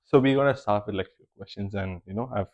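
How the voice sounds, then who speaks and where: A man's voice: fairly low pitch, fast talker. A young man hosting a podcast in casual chat, rambling and teasing with many fillers. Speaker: podcast host.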